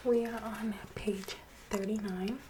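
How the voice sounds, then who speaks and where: A woman doing soft-spoken ASMR reading, drifting between a hushed voice and a whisper. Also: mid-range voice, steady tone, slow. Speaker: ASMR channel host. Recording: street noise in background. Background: street traffic.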